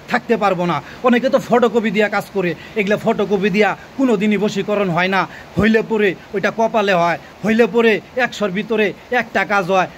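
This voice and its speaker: A man with a high-pitched voice teaches like a folk healer. He talks insistently, repeats key phrases two or three times and keeps asking whether he has been understood. A faint hiss sits under the recording. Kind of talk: instructional talk.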